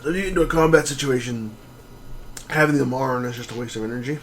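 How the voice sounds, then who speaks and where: Man, mid pitch, easygoing game streamer, rambling explanations, faint background hum. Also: quick pace. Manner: relaxed, rambling explanations with many fillers. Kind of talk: casual gameplay commentary.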